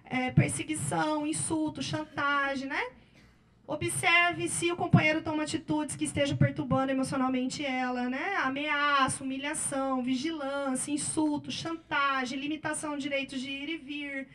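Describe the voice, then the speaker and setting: Speaking at a moderate pace in a high voice, a Brazilian woman who works as a public defender presents workshop slides and narrates cases with energy, frequently ending with the tag question "né?".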